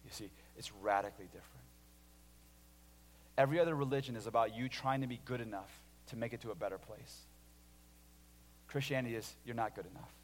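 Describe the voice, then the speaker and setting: A man in his thirties from Illinois preaching a sermon as a pastor, telling stories with lively restarts and swings between loud and hushed delivery. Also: mid-range voice, brisk, pauses often. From Illinois, USA. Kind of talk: sermon with personal story. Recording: long hall reverb.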